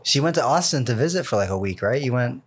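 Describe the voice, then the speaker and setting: A man's voice: medium pitch, animated, fast talker, breathy edge. A young man hosting a podcast in a loose, rambling chat full of fillers. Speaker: podcast host. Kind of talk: casual chat.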